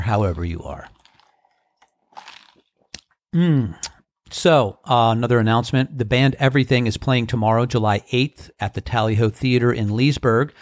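A man's voice: mid-range voice, no echo. A middle-aged man talks alone into the mic for his podcast, easygoing and thoughtful, in a mid-range voice. He is recorded dry and close, with no room sound around him. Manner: relaxed, reflective, unhurried, many ums and uhs. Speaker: podcast host. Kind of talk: casual solo podcast monologue.

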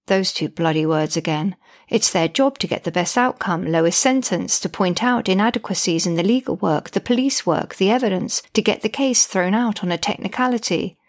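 A woman's voice: mid-range voice, normal speed. A woman narrating her own diary-style account as a mother, indignant, wry and exasperated.

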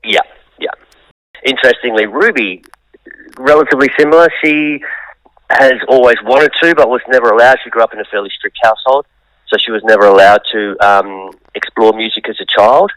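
A man's voice: mid-range voice, brisk, a bit bright, no echo, low-quality recording. A man, a musician and songwriter, telling his life story in an interview, open and thoughtful with many ums. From Australia.

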